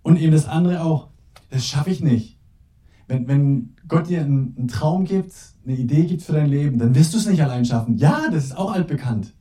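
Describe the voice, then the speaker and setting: A man gives an earnest, pastoral sermon in a very dark, mellow voice. He is set back from the microphone, and the room gives off a clear echo. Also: a little high, lively intonation. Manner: earnest, pastoral, slows to a soft hush for prayer. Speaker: preacher. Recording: echoey room, mic at a distance.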